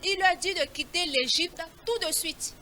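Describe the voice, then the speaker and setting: Bright, sharp-voiced woman hosting a children's Bible quiz; slow, repeated clues; faint background noise. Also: very high-pitched. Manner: slow, repeats each clue, coaxing.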